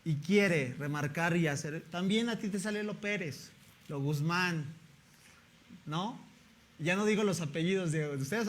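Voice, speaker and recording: A male pastor, preaching a sermon in a conversational way and often asking the congregation rhetorical questions. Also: fairly high pitch.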